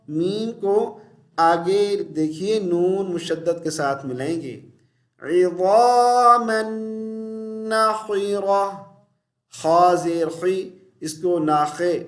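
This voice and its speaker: High-voiced man teaching Quran recitation. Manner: alternates slow melodic recitation with brisk corrective explanations. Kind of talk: recitation lesson with slow drawn-out chanting and quick spoken corrections. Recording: roomy echo.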